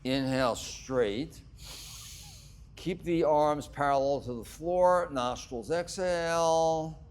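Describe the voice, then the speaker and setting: A man guiding a breathwork and exercise class as the instructor, giving measured instructions in short phrases with long pauses. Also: a little high, clear, resonant tone.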